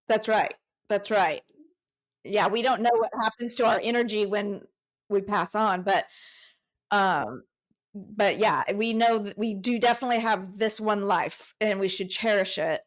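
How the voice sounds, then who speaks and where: Casting: woman host, casual interview chat, quick affirming interjections. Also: medium pitch. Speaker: channel host. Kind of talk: casual video-call interview.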